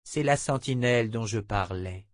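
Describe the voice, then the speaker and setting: A man voicing a calm, ruthless woman who lectures her companion, in an audiobook reading. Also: medium pitch, moderate pace, dry recording, clean studio sound, natural voice. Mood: coolly stern. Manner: calm, cutting, commanding.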